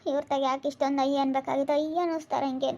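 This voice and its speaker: Casting: high fast-talking woman, dull lo-fi sound. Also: level tone, dark tone. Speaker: young wife in a family drama. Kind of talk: home-made village drama acting.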